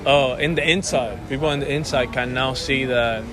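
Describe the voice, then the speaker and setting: A young Cuban musician, born and raised there, talks as a guest in a relaxed interview, restarting his sentences and saying bro often. His voice sits in the mid range and moves at normal speed, with music playing in the background.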